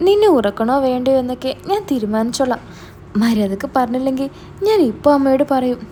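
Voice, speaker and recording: Woman reading as a bossy older brother, scolding, mellow voice, storybook. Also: sits high, animated, fast talker, a little hiss or hum. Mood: stern. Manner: scolding, demanding. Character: stern young adult older brother.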